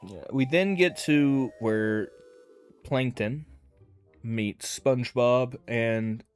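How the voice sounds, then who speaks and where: A man's voice: mid-range voice, extremely slow, smooth, faint music behind. A man giving a casual, rambling commentary review of a cartoon episode, with lots of fillers and hedges.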